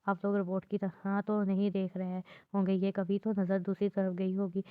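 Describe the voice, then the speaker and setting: A woman's voice: mid-range voice, monotone, normal speed, clean tone, dry recording, natural voice. A woman reading the part of a male restaurant manager who sounds nervous and defensive. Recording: dry, tinny phone-like audio.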